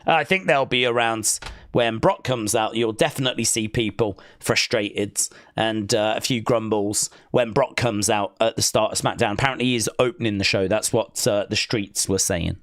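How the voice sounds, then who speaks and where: A man with a lowish, fairly bright voice hosts a live wrestling watch-along stream at normal speed, recorded in studio quality with no echo. His voice sounds weak, as if from a cold, and he rambles hesitantly while reading chat aloud.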